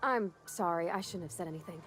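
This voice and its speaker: A woman's voice: fairly low pitch, brisk, soft background music, natural voice. Woman playing a shy apologetic young woman. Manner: soft, hesitant, apologetic. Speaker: game companion. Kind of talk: video game voice acting.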